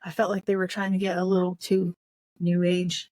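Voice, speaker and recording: This book podcast co-host has a lowish, slightly mellow voice and a completely flat delivery at a moderate pace. She chats casually about books, rambling a bit and thinking aloud, in a recording with no echo.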